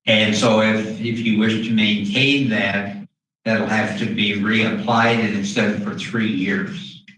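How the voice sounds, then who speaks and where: A man speaking through a face mask, explaining things haltingly as an official at a public meeting, with pauses and throat clearing. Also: on the low side, steady tone, fairly bright tone. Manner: hesitant, with long pauses and frequent throat clearing. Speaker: school district official presenting to a board. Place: indoor meeting room. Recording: very echoey room, distant mic, faint noise.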